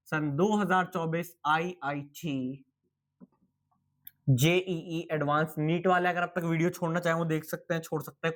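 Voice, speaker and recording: A young man teaching physics in a casual, chatty exam-prep lecture, asking and answering his own questions and sounding tired. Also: on the high side.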